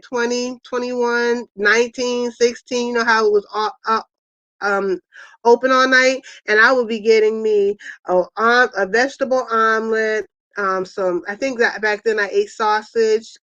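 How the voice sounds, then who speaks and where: A woman's voice: on the high side, steady tone, moderate pace, fairly bright tone, dry recording. Chatty woman, rambling on a dull mic. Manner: rambling, many fillers and restarts. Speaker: host of an online wellness party. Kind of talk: casual chat. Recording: dull, lo-fi sound.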